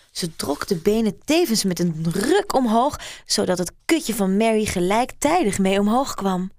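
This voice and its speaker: Brief: woman narrator, soft hushed storytelling, mid pitch, dry room. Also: dry recording. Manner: soft, hushed reading, often dropping to a whisper. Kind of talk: scripted adult story narration.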